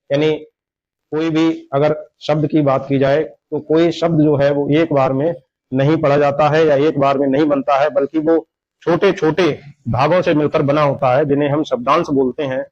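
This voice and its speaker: A man teaching a grammar lesson in Hindi, explaining slowly and repeating each example. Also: fairly high pitch, darkish tone. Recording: dull lo-fi sound.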